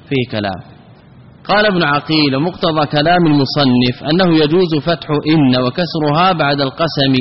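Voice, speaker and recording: A man's voice: fairly high pitch, slight background noise. A man teaching a classical grammar lesson, explaining step by step and often asking a question, then answering it himself. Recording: dull, lo-fi, with long reverb.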